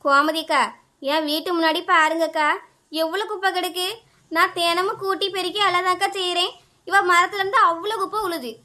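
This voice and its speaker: A woman's voice: very high voice, fairly even intonation, moderate pace, pushed and bright. A woman voicing a fed-up, quarrelsome neighbour with a Kanyakumari Tamil accent, scolding and complaining.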